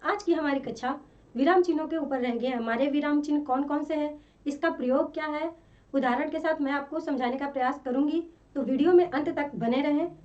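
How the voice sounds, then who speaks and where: A woman teacher giving a classroom lesson, explaining slowly and repeating her examples. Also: high-pitched, a little mellow. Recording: dull, distant-sounding lesson recording.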